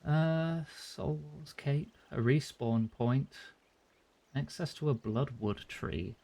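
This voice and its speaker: A man's voice: medium pitch, takes it slowly, dark tone. A man doing casual, informal video game commentary, thinking aloud as he plays. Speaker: gamer narrating a playthrough.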